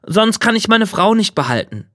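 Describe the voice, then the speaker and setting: An earnest young fairy-tale hero who pleads politely, voiced a little higher than the reader's own voice by a man. It is a plain storybook reading, recorded dry and close. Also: sing-song, normal speed, bright, forceful tone, no room sound, full character voice.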